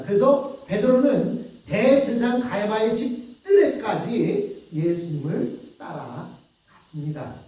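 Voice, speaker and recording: Brief: male pastor from Chungcheong, mellow dark voice, storytelling sermon, picked up far off in a booming church hall. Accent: Chungcheong Korean. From Chungcheong, South Korea. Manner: storytelling, asking the congregation questions. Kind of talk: Sunday sermon. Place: church sanctuary.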